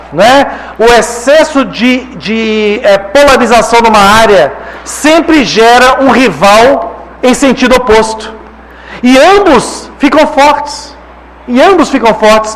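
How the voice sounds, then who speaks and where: A man's voice: very high-pitched, a bit bright, a little hiss or hum, low-quality recording. A man with a Brazilian Portuguese accent giving a spiritist lecture. He talks in a conversational way, often checking in with "né?" and "tá?". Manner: conversational, frequent rhetorical "né?" and "tá?". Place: lecture hall.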